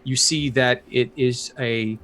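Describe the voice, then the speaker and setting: A man's voice: medium pitch, fairly even intonation, takes it slowly, fairly bright tone. A man running a tabletop game as dungeon master, narrating scenes and calling for rolls, often restarting his sentences. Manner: hesitant, restarts mid-sentence.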